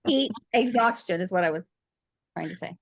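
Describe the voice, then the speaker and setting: A woman's voice: on the low side, animated, moderate pace, creaky, dry recording. A woman chatting and telling stories casually as part of a group. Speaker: group participant. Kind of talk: casual storytelling chat. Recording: dull, lo-fi call audio.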